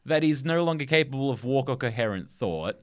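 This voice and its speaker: A man co-hosts a film podcast, chatting casually about movies, laughing often, and frequently restarting his sentences. His medium-pitched voice is expressive and a little fast.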